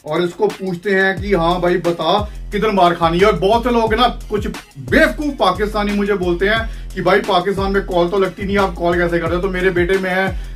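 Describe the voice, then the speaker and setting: A man's voice: high voice, fairly even intonation, moderate pace, fairly bright tone, faint music behind. A young Indian man hosting a phone-call vlog, brash, taunting and impatient, with an Indian accent. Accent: Indian Hindi. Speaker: wrestling channel host.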